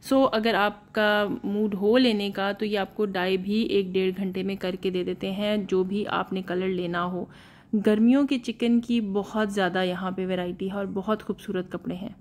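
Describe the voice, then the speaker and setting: In this shopping vlog, the female narrator speaks in a relaxed, gossipy tone at a medium pitch. Filler-sound pauses are frequent, and English phrases pop up throughout.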